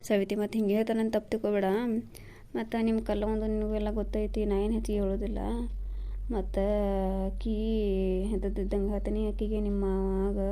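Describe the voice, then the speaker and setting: A woman's voice: mid-range voice, mellow, lightly acted. A woman with a North Karnataka accent voicing a grieving, plaintive village woman in a cartoon comedy. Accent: North Karnataka Kannada. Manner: mournful, plaintive.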